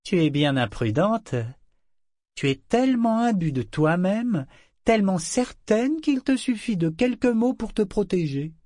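Audiobook villain: a man doing a cruel, drugged governor, high and strained, barking and sneering. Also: lively intonation, measured pace, no room sound, clean studio sound. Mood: mocking. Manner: barking orders, mocking, bursts into shouts.

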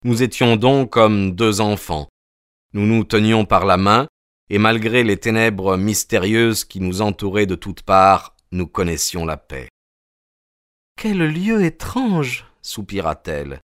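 A man narrating a novel as an audiobook in a measured, literary way. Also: fairly low pitch, fairly even intonation, fairly bright tone, smooth, no echo, studio quality.

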